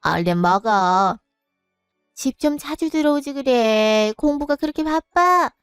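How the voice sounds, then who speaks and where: A woman voicing a scornful, nagging middle-aged mother-in-law in a storybook drama, scolding in drawn-out tones. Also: high voice, expressive, clean tone, no echo, clean studio sound, soft background music. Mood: doting. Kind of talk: storybook voice acting.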